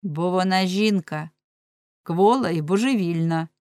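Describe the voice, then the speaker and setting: A woman's voice: on the low side, a little slow, darkish tone, no room sound, studio quality, close to an everyday voice. A woman voicing a stern male judge who gives curt commands in a dramatic audiobook reading.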